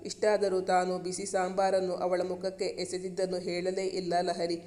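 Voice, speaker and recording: A man narrating a romantic family story in a steady, scripted storytelling manner. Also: high voice, normal speed.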